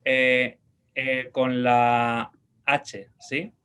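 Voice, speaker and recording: A man from Spain teaches a language lesson, patiently repeating words slowly for pronunciation and checking in with short questions. His mid-range voice is level, sharp, clear, and resonant.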